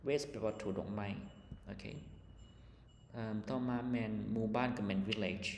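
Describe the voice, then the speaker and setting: Male English teacher, Lao accent, lowish voice, patient spelling-out delivery; roomy reverberant recording with faint room noise. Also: darkish tone. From Laos. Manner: explains slowly, spells words letter by letter. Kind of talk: casual lesson walkthrough. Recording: echoey room with long reverb.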